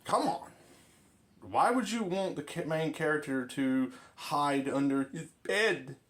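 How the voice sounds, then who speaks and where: A man's voice: on the high side, expressive, a little slow, fairly bright tone. A man in an opinionated, argumentative comic monologue, arguing with himself.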